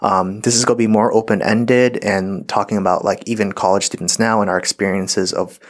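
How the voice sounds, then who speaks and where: A young man hosting a casual podcast, chatting in a relaxed, slangy way while eating. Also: on the low side, fairly quick. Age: young adult. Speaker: podcast host.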